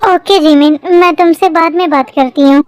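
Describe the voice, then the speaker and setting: A woman's voice: sits high, steady tone, normal speed, no room sound, lightly acted. A woman voicing a timid teenage schoolgirl in a Hindi fan-dub drama, pleading and easily brought to tears. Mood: earnest.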